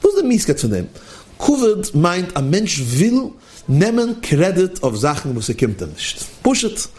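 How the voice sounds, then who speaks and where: A man giving a sermon in a lively, questioning, sing-song manner. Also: sits high, normal speed. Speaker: religious teacher. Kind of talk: sermon to listeners.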